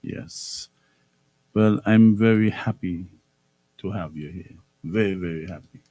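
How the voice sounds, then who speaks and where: Low-voiced male radio host. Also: warm tone. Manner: measured, repeats phrases for emphasis. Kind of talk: radio interview. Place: radio studio.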